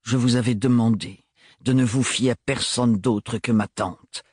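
A man voicing a stern, cold administrator in an audiobook reading, speaking in a curt monotone. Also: mid-range voice, measured pace, slightly rough, no echo, clean studio sound.

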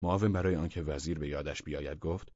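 A man reading a satirical story aloud as narrator, with expressive storytelling and hushed asides. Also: a bass voice, slightly rough, no echo, highs cut off.

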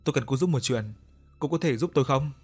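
A man doing a low muffled young ghost. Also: quick pace, darkish tone, slightly rough, soft background music, natural voice. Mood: pleading.

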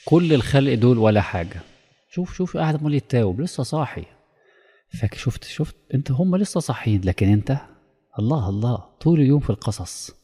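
A man with an Egyptian accent giving a religious lesson in lively storytelling style, acting out little dialogues. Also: mid-range voice, fast, breathy edge. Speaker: preacher. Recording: long hall reverb.

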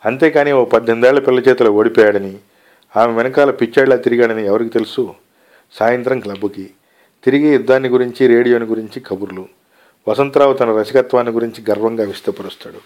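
A man narrating a short story aloud in a calm, measured storytelling manner. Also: mid-range voice. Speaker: story reader.

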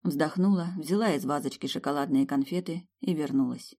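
An audiobook narrator reading a first-person fantasy story in a lively, expressive way. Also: medium pitch, moderate pace.

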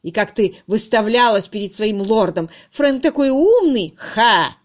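A coarse, cruel young farmhand barks and sneers at full volume, read out by a woman in an audiobook. The voice is harsh and mocking, sitting on the higher side for a man. It is a plain studio reading with nothing behind it. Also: animated, unhurried. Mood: sneering, cruel.

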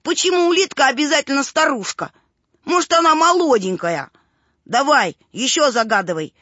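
A woman's voice: sits high, lively intonation, normal speed, a bit bright, no echo. A woman voicing a cheeky young boy full of wild guesses. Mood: playful. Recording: dull recording with faint music.

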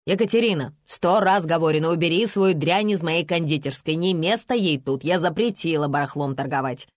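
A woman's voice: sits low, fairly quick, no echo, clean studio sound, lightly acted. A woman voicing a stern middle-aged café owner who scolds with contempt. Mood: scolding.

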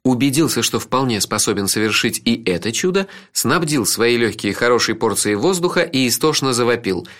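A man narrating a first-person audiobook in a lively, ironic storytelling manner. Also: medium pitch, moderate pace, hardly any pauses.

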